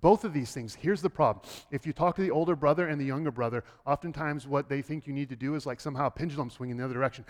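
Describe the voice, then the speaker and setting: A pastor preaches a sermon in rapid-fire delivery with few pauses, lurching from loud, high bursts to hushed, low passages. He often repeats words as he begins a thought. Long hall reverb surrounds the recording.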